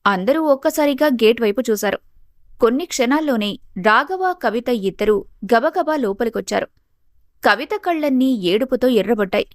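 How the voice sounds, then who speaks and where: A woman storyteller reading a scripted family story in a steady, even way. Her voice sits fairly high, and the recording is close and bone-dry. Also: moderate pace, dry recording.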